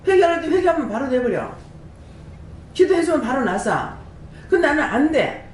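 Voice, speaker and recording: A woman, a prayer house director, giving an animated testimony sermon and throwing rhetorical questions to the congregation. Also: normal speed. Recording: echoey room with faint rumble.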